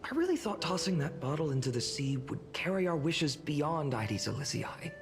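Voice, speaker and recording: Boyish, very animated village lad. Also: female voice, low voice, normal speed, over music. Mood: wry, dismissive. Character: boyish young village lad, playful and a bit embarrassed. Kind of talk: game voice acting.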